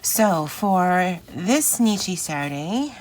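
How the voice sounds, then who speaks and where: Low-voiced woman doing a chatty planner vlog, kinda rambly, phlegmy rattle in her voice, some noise behind her. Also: lively intonation, extremely slow, rough recording. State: congested with morning phlegm. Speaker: planner channel host. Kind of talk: casual chatty craft vlog.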